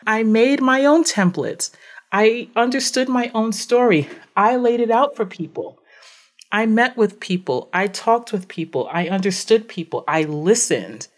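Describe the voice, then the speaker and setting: A woman guest on a podcast, telling her story in an animated, emphatic way, repeating phrases for effect. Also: on the high side, a little slow. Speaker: podcast guest, business owner.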